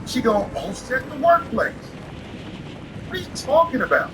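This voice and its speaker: A man's voice: very high voice, sing-song, normal speed, noisy background. A man ranting casually, blunt and opinionated, arguing his point.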